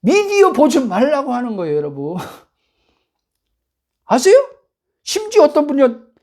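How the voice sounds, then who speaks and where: A woman pastor preaches with a fairly high voice whose pitch swings widely from phrase to phrase. She keeps throwing rhetorical questions at her listeners and calling out to them. Now and then she pushes her voice up to a near-shout to drive a point home. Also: huge pitch swings, a little slow. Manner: bursts into near-shouts for emphasis. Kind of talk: sermon.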